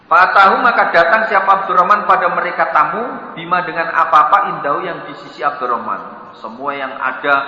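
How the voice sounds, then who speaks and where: A male religious teacher reads and explains an Arabic text word by word. His voice is high, lively and bright. It echoes through a large hall, with dull sound. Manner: animated, playful explaining. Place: dormitory hall.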